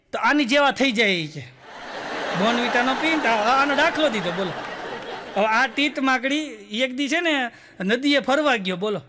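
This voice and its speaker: A man's voice: extremely high pitch, pushed and bright, slight background noise. A man with a Gujarati accent telling stand-up jokes, acting out the characters in his stories and laughing through the punchlines. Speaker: stand-up comedian.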